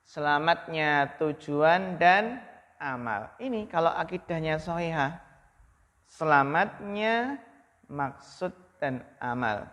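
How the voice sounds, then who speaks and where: A man with an Indonesian accent teaching Arabic grammar to a class. He draws out Arabic phrases slowly, then fires quick questions at students by name. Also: fairly high pitch, animated, a bit bright, in a large hall. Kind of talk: classroom lesson, calling on students.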